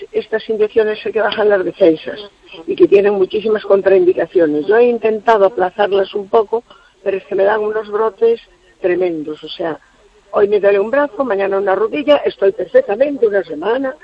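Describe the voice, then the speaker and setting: A woman's voice: gravelly, no echo. A woman in her seventies calls in over the phone to a radio show and talks at length about her health. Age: 70s. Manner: talks at length, pitch leaping up and down. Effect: heard over the phone. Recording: dull, dry phone line.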